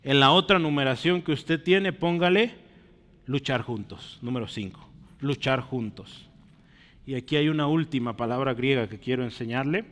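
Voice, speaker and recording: A man's voice: medium pitch, moderate pace, fairly bright tone. A man preaching a sermon to his congregation, earnest and often asking them questions. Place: church. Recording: long reverb of a church hall.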